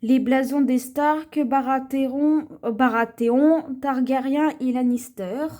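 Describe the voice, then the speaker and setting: A woman's voice: high-pitched, mellow. A woman presenting her shopping haul to viewers in a chatty show-and-tell vlog. She keeps pointing things out and sometimes stumbles over words. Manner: slow, chatty, points things out to viewers, often repeats "voyez"; trips over words and restarts names. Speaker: haul vlogger.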